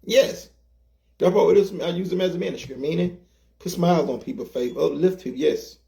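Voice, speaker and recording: A man's voice: a little high, fairly quick, vocal fry, mellow. A man co-hosting a casual interview, earnest and preacherly, repeating himself for emphasis. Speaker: co-host, comedy skit creator.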